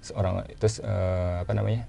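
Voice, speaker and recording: A man with a casual way of talking, telling his own story as a guest in a relaxed chat and repeating phrases for emphasis. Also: fairly low pitch, brisk, creaky.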